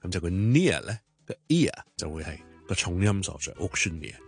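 A radio English tutor with a notably deep male voice. He talks listeners through word stress, patiently spelling each word letter by letter. Soft music runs faintly beneath him. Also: sing-song, moderate pace, husky. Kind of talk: short radio English lesson. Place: radio studio.

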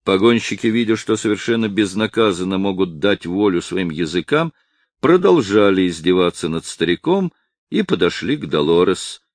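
A man narrating a historical novel in a steady, measured reading. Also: sits low, no room sound, clean studio sound. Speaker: audiobook narrator. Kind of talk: scripted narration.

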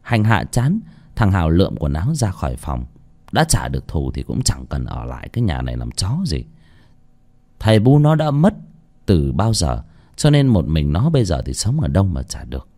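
Low, mellow male horror storyteller. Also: normal speed. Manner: dramatic, expressive storytelling. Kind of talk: dramatic horror story narration.

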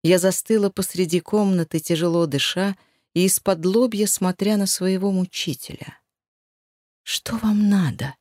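A woman narrating a first-person novel as an audiobook in a steady, emotive storytelling manner. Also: lowish voice, moderate pace, no room sound, studio quality.

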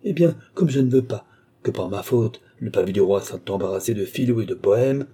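A man's voice: lowish voice, lively intonation, brisk, husky. A man voicing a furious, blustering old aristocratic baron in an audiobook reading. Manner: shouting, blustering.

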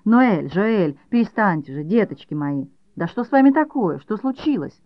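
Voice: medium pitch, very animated, normal speed, no room sound, dull audio. An audiobook reader voicing a doting, clingy mother who gushes and pleads with her young sons. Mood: gushing. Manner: gushing, pleading, theatrical. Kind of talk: audiobook character voice.

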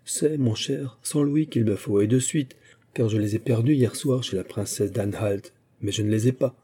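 A man voicing a proud French count who is quick to take offence, speaking courtly and insistent on his honour, in an audiobook. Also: mid-range voice, mellow, breathy edge, natural voice. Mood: pressing. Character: proud touchy male French nobleman, a count.

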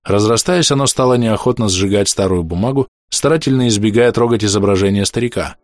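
A man reading an audiobook aloud in an expressive storytelling manner. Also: lowish voice, brisk, no echo, studio quality. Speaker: audiobook narrator. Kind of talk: scripted narration.

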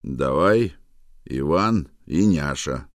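Grumbling husband, read by a man, sarcastic, defensive, very deep voice, dry close sound. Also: expressive, slow pace, dry recording, exaggerated voice. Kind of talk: audiobook character voice.

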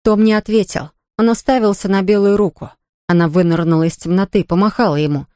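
A woman narrating a children's story in an expressive, steady way. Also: mid-range voice, brisk, no room sound, studio quality.

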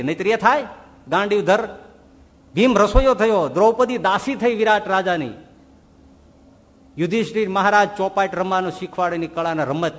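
A man giving a spoken sermon, telling stories and asking rhetorical questions, acting out the voices of the people in them. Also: a little high. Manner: animated, rhetorical questions, acts out quoted voices. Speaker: swami giving a religious discourse. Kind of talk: sermon storytelling. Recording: long hall reverb.

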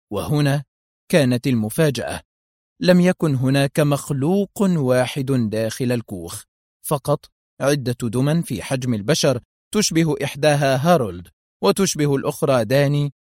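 A male narrator reads an action story in a measured, dramatic way, with a mid-range voice. The recording is dry and close, with no room sound. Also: medium pitch, dry recording. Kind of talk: scripted audiobook narration.

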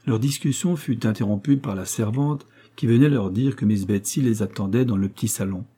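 Dark-voiced male audiobook narrator. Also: lowish voice, brisk, breathy edge. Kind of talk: scripted narration of a classic novel.

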